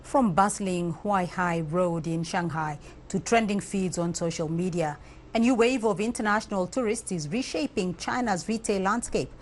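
Female studio anchor, crisp formal lead-in. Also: lowish voice, normal speed, a little hiss or hum. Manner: polished, formal. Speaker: news anchor. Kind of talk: scripted news introduction.

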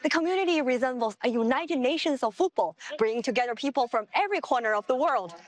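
A woman reporting a news feature in a lively scripted narration. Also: sits high, fast talker.

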